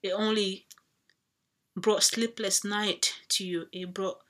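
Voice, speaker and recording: A woman's voice: mid-range voice, level tone, slow, noisy background. A woman giving a casual tarot reading to viewers, thinking aloud and rambling with fillers and restarts as she draws cards. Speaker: tarot reader.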